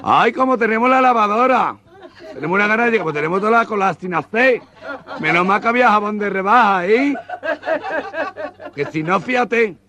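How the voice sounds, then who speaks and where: A man voicing a camp, chatty, scheming character in a high fluttery voice. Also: expressive, moderate pace, pauses often, a crowd in the background. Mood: giddy.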